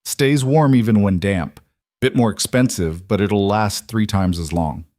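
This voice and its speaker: Guy voicing a practical young seamstress, low steady voice, dry sound. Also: unhurried, no echo, lightly acted. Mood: brisk.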